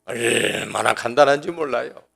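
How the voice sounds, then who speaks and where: A man's voice: mid-range voice, moderate pace, gravelly, fairly bright tone. A pastor preaching a sermon in a folksy, joking, conversational way, often restarting his sentences. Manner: folksy and joking, acting out dialect quotes.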